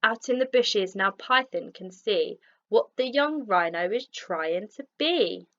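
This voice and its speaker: In a medium-pitched voice, a woman teacher performs a read-aloud of a rhyming kids' story, lively in expression but unhurried. The audio is low fidelity.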